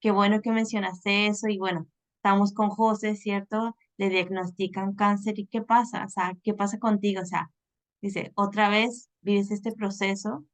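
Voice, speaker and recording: A woman's voice: mid-range voice, little pitch movement, normal speed. A woman hosting a casual faith interview, affirming her guest and reflecting before asking follow-up questions. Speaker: host.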